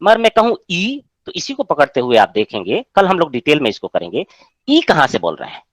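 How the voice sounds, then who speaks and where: जीवंत उतार-चढ़ाव वाली आवाज़ में पढ़ाता पुरुष शिक्षक. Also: male voice, on the high side, huge pitch swings, quick pace, no echo. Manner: explains patiently, checks with students often. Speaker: Sanskrit teacher. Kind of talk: online class lecture.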